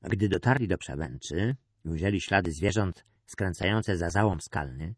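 A male audiobook narrator telling an adventure tale in a measured, storytelling manner. His voice is fairly low yet very lively in pitch. The recording is dry and close. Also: slightly rough, no room sound. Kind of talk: scripted narration.

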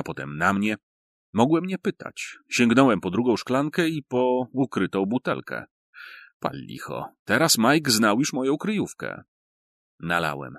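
A man's voice: low voice, gravelly, fairly bright tone, no echo. A man reading a first-person audiobook story in a wry, storytelling manner. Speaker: audiobook reader.

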